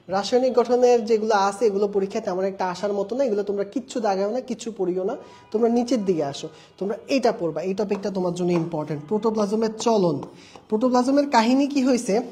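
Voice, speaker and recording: Young man, exam-prep tutor, mellow tone, drills terms through repetition and quick quizzes. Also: high-pitched. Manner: drills key terms by repeating them and quizzing students; explains with mnemonics and personal anecdotes. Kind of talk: online class lecture.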